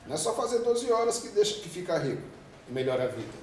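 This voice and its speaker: Brazilian man, 50s, union leader, emphatic, rhetorical questions, mellow voice, echoey room, distant mic. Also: sits high, very animated, fast talker, slight background noise. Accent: Brazilian Portuguese. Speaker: union president. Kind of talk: interview answers.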